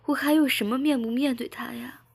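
A woman's voice: medium pitch, steady tone, measured pace, pitched above the performer's own voice. Woman doing a tearful pleading wife, whispered role-play. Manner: begging, breathy and hushed.

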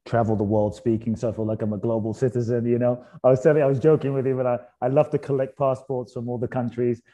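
A man's voice: mid-range voice, level tone, fast talker, mellow. A man, a guest author and speaker telling his story in a reflective way, with emphatic questions. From England. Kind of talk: interview storytelling.

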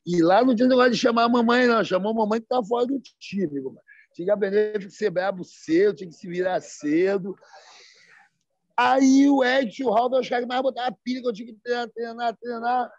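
A man's voice: extremely high pitch, fairly quick, no echo. A man telling stories in casual slang, acting out the quoted dialogue in livelier voices. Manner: slangy, peppered with "sacou" and "né, cara". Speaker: guest. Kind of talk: casual storytelling. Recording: dry, slightly dull sound.

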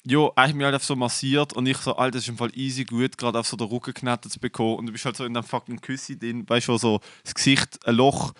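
A young man rattles through anecdotes at a quick clip, recorded close and dry. He curses casually and sprinkles in English slang as he chats. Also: mid-range voice, no room sound. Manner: animated retelling, swears a lot, mixes in English slang. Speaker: podcast co-host. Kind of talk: casual storytelling chat.

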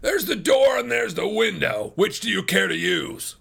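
A man's voice: medium pitch, big pitch swings, normal speed, gravelly, bright, forceful tone, breathy edge, exaggerated voice. A man voicing a sturdy old farmer in a storybook, a fiercely protective father who speaks with sardonic defiance. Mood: furious, sardonic.

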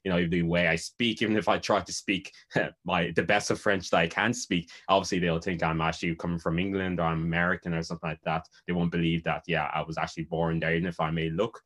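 Man from cameroon, really deep voice, pretty flat delivery, reflective with some uhs. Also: quick pace. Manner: reflective, hesitant with fillers. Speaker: panel guest. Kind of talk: casual conversation.

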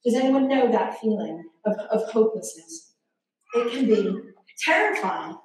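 Woman preacher, forties, lively self-mocking delivery, high voice, heard from far off in a very echoey church hall with faint noise. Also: measured pace. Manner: animated, self-mocking storytelling with frequent laughter. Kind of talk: sermon.

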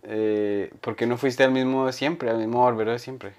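A man's voice: mid-range voice, fairly even intonation, normal speed, darkish tone. A man co-hosting a casual comedy podcast, teasing his partner and asking follow-up questions. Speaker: podcast co-host.

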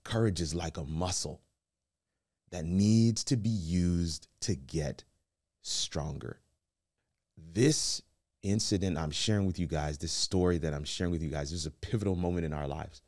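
Deep-voiced man telling a motivational story. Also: normal speed. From United States. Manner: storytelling, animated quoted dialogue. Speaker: motivational speaker. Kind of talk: casual motivational talk.

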